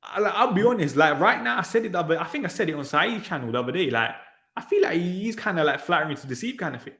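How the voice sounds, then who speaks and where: A man's voice: high voice, expressive, fast, bright, forceful tone. A man chatting about football, hesitant and full of "kind of thing" and "innit". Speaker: co-host pundit. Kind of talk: casual football reaction chat. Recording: echoey room.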